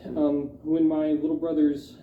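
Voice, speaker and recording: A young man telling his personal testimony in a halting, candid way, with many fillers. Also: fairly high pitch, completely flat delivery, a little hiss or hum. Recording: dull echoey room recording.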